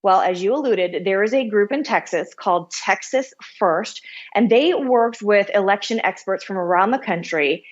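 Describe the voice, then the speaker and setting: A woman working as a news correspondent, delivering a scripted report in a brisk, upbeat manner. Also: medium pitch, lo-fi sound.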